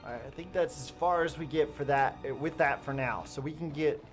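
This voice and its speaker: A man gives casual gameplay commentary as host of a let's play. His voice sits a little high, and he talks playfully, stumbling and restarting often. Faint game music runs underneath. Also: fairly quick.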